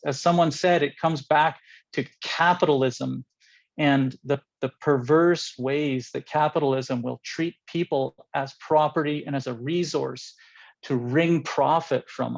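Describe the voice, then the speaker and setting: Guy w a gravelly raised voice on a dull lo-fi video call, earnest panel talk. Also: a little high. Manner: earnest, critical. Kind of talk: online panel discussion.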